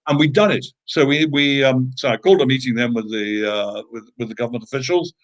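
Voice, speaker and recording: A British man recounts events as an interview guest, in an even mid-range voice. He speaks emphatically, stumbling through fillers and false starts as he goes. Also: mid-range voice, fast, dull audio. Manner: emphatic, hesitant with fillers and restarts. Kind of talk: conversational storytelling.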